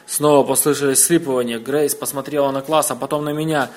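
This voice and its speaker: A man reading a novel aloud as an audiobook narrator, steady and measured. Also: mid-range voice.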